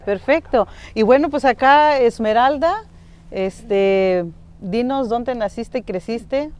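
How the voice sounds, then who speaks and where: A woman from Oaxaca hosting a community podcast, interviewing guests in an unhurried way with frequent fillers. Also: a little high, clear, resonant tone. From San Juan Mixtepec, Oaxaca, Mexico. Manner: warm, unhurried, with fillers like "este" and "pues". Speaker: podcast host.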